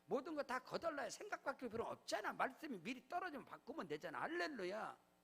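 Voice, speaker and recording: A middle-aged male pastor preaching a sermon in a church, with emphatic swings between low asides and loud proclamations. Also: very animated, fast talker, creaky, husky. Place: church sanctuary.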